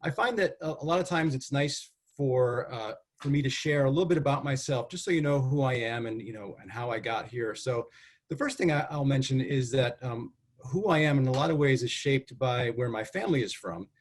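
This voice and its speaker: A middle-aged man from Connecticut whose first language was Spanish, presenting a webinar as a guest expert in a friendly, conversational way with many fillers and some throat clearing. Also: mid-range voice, fairly quick. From Connecticut, US, of Cuban parents. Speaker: test director and guest presenter.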